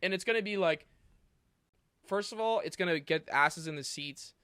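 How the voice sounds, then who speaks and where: A man co-hosting a podcast in casual chat, talking in an excitable, emphatic way and cursing often. His voice has a very bright, cutting edge and sits a bit high, with a dry, close sound. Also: moderate pace, smooth, no echo. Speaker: podcast co-host.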